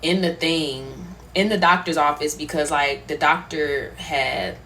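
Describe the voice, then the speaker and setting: Slangy, animated woman telling a story. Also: deep voice, unhurried, slight background noise. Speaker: vlogger. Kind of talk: casual storytelling to camera.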